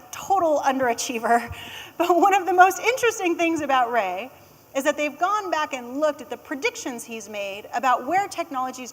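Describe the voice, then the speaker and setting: An American woman from the United States gives a conversational keynote at a conference, sprinkling in wry asides. Her voice sits high, and the room leaves a long reverb tail.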